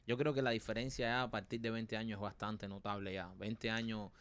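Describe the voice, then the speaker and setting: Fast-talking wisecracking man. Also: lowish voice, flat delivery, fairly bright tone, smooth. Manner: quick, wisecracking. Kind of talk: casual group chat.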